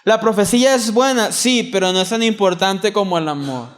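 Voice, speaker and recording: A young adult man with a Mexican accent preaching a sermon in a church, earnest, moving from loud emphatic reading to soft quiet asides. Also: high voice, normal speed. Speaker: pastor.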